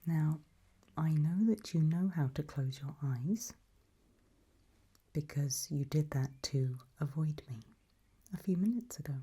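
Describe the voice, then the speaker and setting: An ASMR role-play by a woman as an eerie, gentle undead mentor in a creepy audio drama. Her voice is very breathy and low, mellow at the edges. She instructs softly and patiently, with quiet unease underneath. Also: unhurried. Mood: patient, coaxing. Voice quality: breathy, husky soft voice.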